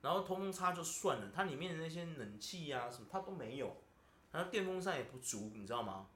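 A man's voice: on the high side, sing-song, fast talker, fairly bright tone, a little hiss or hum. A man with a Taiwanese Mandarin accent, hosting a podcast and venting in casual chat, constantly asking "you know?". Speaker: podcast host. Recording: roomy echo.

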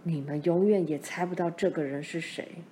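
A woman voicing a steady middle-aged pioneer father, speaking low and measured as he recounts events. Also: slight background noise, natural voice. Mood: teasing.

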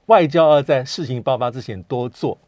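A man with a Taiwanese Mandarin accent, a guest academic in a current affairs discussion, speaking in a measured, analytical way that often trails off quietly. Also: medium pitch, dry recording.

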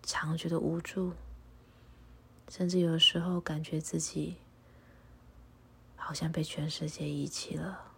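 A woman guiding a meditation in a low, soft voice that slips into a breathy half-whisper. Her tone is unusually smooth and rounded. She speaks slowly and calmly, giving instructions step by step. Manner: slow, calm, instructive. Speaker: meditation guide. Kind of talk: guided meditation and prayer.

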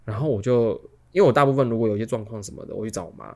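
A man, co-hosting a podcast and telling a rambling, animated story full of restarts. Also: medium pitch, very fast. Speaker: podcast co-host. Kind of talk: casual storytelling chat.

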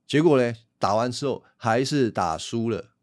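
A man teaches the Bible in a relaxed podcast style. He explains step by step and poses rhetorical questions. His mid-pitched voice is recorded dry and close. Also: normal speed, dry recording.

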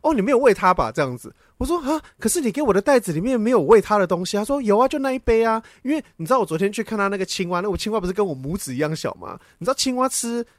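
Animated high-voiced male podcaster. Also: rapid-fire, few pauses, no room sound, clean studio sound. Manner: animated, dramatic retelling with laughs and swearing. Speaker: podcast co-host. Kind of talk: casual chat, storytelling.

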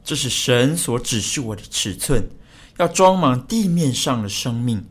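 A man's voice: mid-range voice, sing-song, unhurried, breathy edge. An actor playing Noah, an earnest old man who solemnly exhorts mocking neighbours in a dramatized Bible story.

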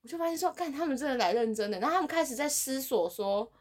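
Lively, fast-talking woman. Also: sits high. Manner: animated storyteller, laughs often. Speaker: podcast co-host. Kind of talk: casual chat.

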